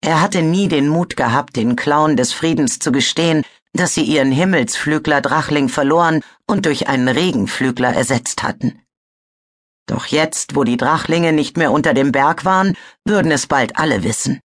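A woman's voice: deep voice, moderate pace. Woman narrating a fantasy audiobook. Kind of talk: scripted narration.

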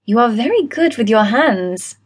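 A woman's voice: fairly high pitch, expressive, normal speed, breathy edge. A woman voicing a wealthy female guest who speaks in a slightly shaky, persuasive way. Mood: coaxing.

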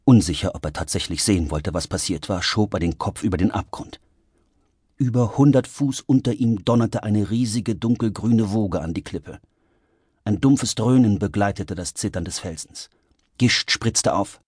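A man narrating an audiobook in a vivid, expressive storytelling manner. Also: lowish voice, normal speed, slightly rough, dry recording. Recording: dry studio recording.

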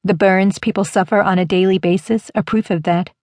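In a measured, even storytelling manner, a woman with a mid-range voice narrates a first-person audiobook. There is no echo.

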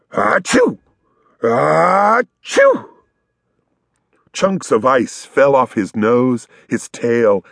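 A man narrating a children's storybook, playful and expressive. His low, husky voice rises and falls a lot, and he takes his time. The recording is close and dry. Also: no echo. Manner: playful, expressive read-aloud. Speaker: audiobook narrator.

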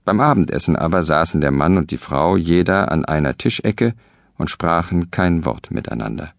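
Deep, gravelly male storybook narrator. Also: no room sound. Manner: measured, expressive storytelling. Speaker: audiobook narrator. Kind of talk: storybook reading.

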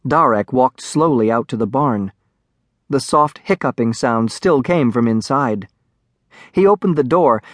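An expressive male narrator reading a children's story, his pitch rising and falling widely. His voice sits at a middle pitch, and the close studio recording is dry. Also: no echo. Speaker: audiobook narrator. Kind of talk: scripted children's audiobook narration.

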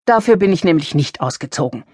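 A woman's voice: deep voice, lively intonation, fast talker, breathy edge, no room sound. Brief: angry young mother in a storybook, read by a woman, biting, dry sound. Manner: sharp and scolding. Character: strict angry young mother, sharp-tongued.

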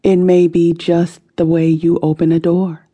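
A woman, working as an audiobook narrator, guides a meditation in a very dark, relaxed voice that runs on the low side and carries a breathy, husky grain. She talks slowly and deliberately to soothe the listener, letting each phrase fade softly at its end.

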